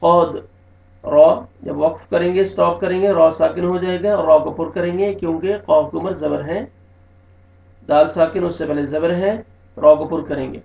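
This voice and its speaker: A man teaching tajweed, slowly drawing out recited words and then explaining the pronunciation rules more plainly. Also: on the high side, steady tone, creaky, darkish tone. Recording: echoey, distant, dull recording.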